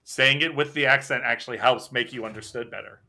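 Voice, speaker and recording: Chatty bright-voiced male podcast host. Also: mid-range voice, fairly quick. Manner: chatty, animated storyteller. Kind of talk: casual chat.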